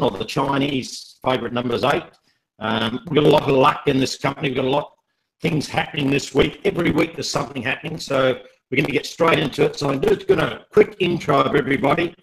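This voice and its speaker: A man's voice: mid-range voice, vocal fry, fairly bright tone, low-quality recording. A man hosting a live online panel, jokey and rambling with many fillers. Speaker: host.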